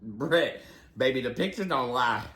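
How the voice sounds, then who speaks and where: A man co-hosting a reality TV recap podcast, recapping scenes in an even, agreeable way. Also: medium pitch, measured pace, echoey room. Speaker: podcast co-host. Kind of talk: casual gossip chat.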